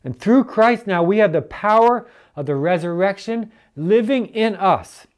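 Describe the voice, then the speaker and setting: Earnest church elder preaching with lively pitch. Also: measured pace. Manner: earnest, emphatic repetition.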